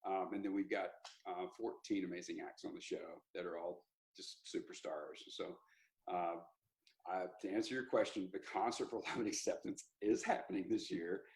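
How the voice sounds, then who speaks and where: A man, a country singer telling stories in an interview, animated and rambling with restarts and laughs. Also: low-pitched, normal speed, rough recording. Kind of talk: casual interview storytelling.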